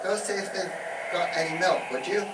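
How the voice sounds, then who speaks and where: A man's voice: high-pitched, steady tone, fairly quick, lightly acted. A man playing a pompous, blustering British army major in an amateur radio comedy performed on stage. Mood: commanding. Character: Major Bloodnok, pompous male British military officer, shady and blustering. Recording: roomy, distant stage recording with faint noise.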